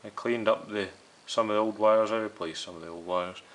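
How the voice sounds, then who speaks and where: In a rough recording, the man hosting a radio restoration series speaks a little fast in a lowish voice with fairly even intonation. He keeps it casual, explaining each repair step right to his viewers.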